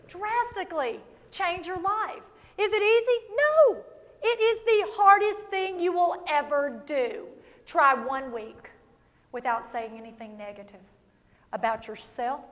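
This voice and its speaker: A woman giving a lively, punchy motivational keynote to a live audience, calling for responses. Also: extremely high pitch. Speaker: motivational speaker. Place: large hall before an audience. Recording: long reverb of a large hall.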